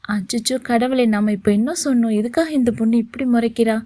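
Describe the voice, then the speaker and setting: A woman doing a jittery, polite young man who keeps fretting, in a romance audiobook. He has a higher voice than most men, heard close and dry. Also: steady tone, brisk, dark tone, no echo, close to an everyday voice. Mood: nervous. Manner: nervous, polite.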